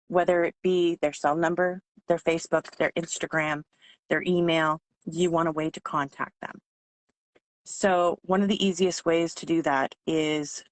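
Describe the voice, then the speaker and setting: A woman whose voice is hoarse and giving out, talking informally as a trainer explaining sales tips. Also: deep voice, no echo, rough recording. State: losing her voice, hoarse. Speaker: sales trainer for direct-selling consultants.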